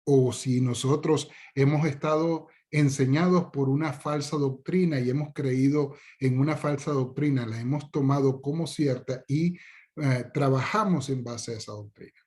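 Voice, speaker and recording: A man's voice: mid-range voice, normal speed, darkish tone. A man, a pastor giving a conversational Bible lesson, informal and joking, with many fillers and restarts. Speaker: pastor teaching a discipleship class.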